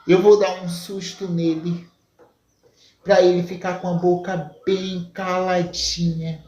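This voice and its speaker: A woman voicing a scheming villainous mother who plots in a low, hushed, deliberate voice. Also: little pitch movement, lo-fi sound.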